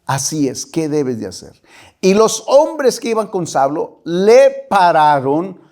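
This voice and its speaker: A man preaching a sermon, emphatic and animated, dropping at times to a whisper. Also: a little high, slow. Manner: emphatic, rising and falling delivery with whispered asides. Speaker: pastor.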